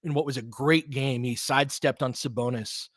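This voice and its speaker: At normal speed and in a mid-range voice, a fan commentator narrates a basketball game in terse, clipped lines, openly partisan and excitable when big plays land. It's studio quality with no echo.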